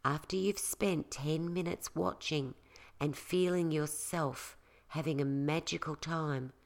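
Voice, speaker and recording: A woman narrating a scripted guided self-help meditation in a calming, instructional way, leaving pauses between phrases. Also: sits low.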